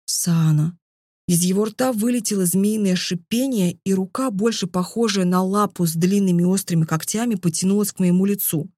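A woman narrating a first-person fantasy audiobook with an expressive, dramatic reading. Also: medium pitch, fairly quick, few pauses, no room sound.

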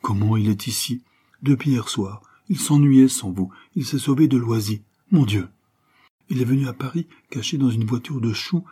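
A man reading an audiobook, voicing a voluble, kindly older woman who runs a boarding house, gushing and effusive with breathy asides. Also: mid-range voice, normal speed, dark tone, pitched above the performer's own voice, natural voice. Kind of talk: audiobook character voice.

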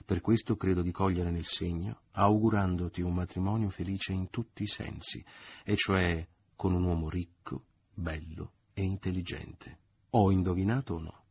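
A man voicing a smug, jovial middle-aged man who makes ironic toasts in an audiobook, with a husky voice. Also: deep voice, fairly even intonation, normal speed, darkish tone. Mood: ironic cheer. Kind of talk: audiobook character voice.

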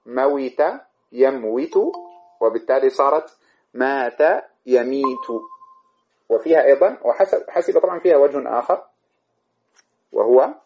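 A man's voice: mid-range voice, normal speed, pauses often, muffled recording, soft background music. A man teaching a classical grammar lesson. He explains step by step, repeats himself and stops to correct his own slips. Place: study room with camera.

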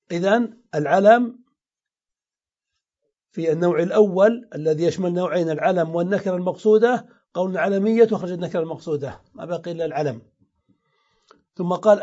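A high-pitched man teaches a grammar lesson, stopping to repeat each example word aloud as he explains it. His voice is mellow and soft-edged. The lecture recording is dull and lo-fi.

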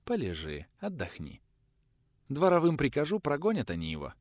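A man voicing a calm wife who speaks softly and soothingly. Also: mid-range voice, a little fast, dry recording, clean studio sound, voice pushed up, lightly acted. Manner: soft, soothing, gentle.

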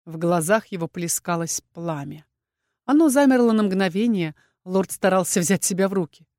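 A woman narrating a first-person fantasy audiobook in a lively, expressive way and giving the heroine a fiery, indignant edge. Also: on the low side, moderate pace, no echo, studio quality.

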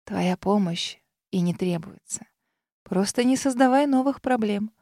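A woman voicing a treacherous old grandmother witch in an audiobook, speaking in a soft, honeyed, condescending way. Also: mid-range voice, measured pace, dry recording, clean studio sound, natural voice. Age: older.

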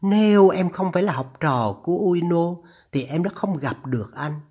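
A narrator voicing a calm, scheming young woman who speaks softly and coaxingly. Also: medium pitch, normal speed, husky.

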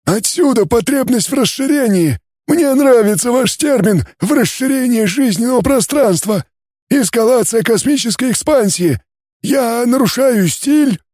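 A man doing a high gurgling alien. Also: expressive, measured pace, a little mellow, dry recording, clean studio sound, heavily acted. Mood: coolly logical. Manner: gurgling, detached, formal. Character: gurgling male alien scholar, cold and calculating.

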